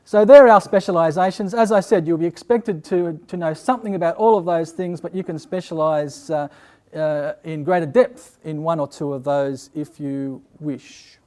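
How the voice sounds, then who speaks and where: An Australian man giving a university open day talk as a lecturer, measured and pausing often with "uh". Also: a little high, darkish tone. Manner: measured, with frequent "uh" pauses.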